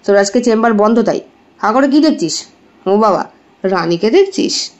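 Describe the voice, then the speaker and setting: A woman's voice: mid-range voice, lively intonation, moderate pace, close to an everyday voice. A woman voicing a playful young man teasing his friend in an audio story. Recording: dull lo-fi recording.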